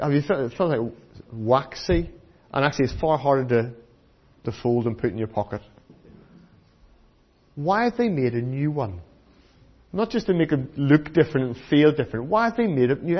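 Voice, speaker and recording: A British man with a slightly high, husky voice preaches to children like a kids' presenter. He explains things simply and keeps checking in with questions. The recording is a little dull and muffled. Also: expressive, a little fast. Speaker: preacher giving a children's talk. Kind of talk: sermon for children. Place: church.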